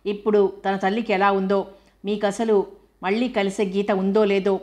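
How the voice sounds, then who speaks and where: Brief: an older father, sorrowful and admonishing, spoken by a woman narrator, even and flat in tone. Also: mid-range voice, normal speed, natural voice. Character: worried older father gently scolding his daughter.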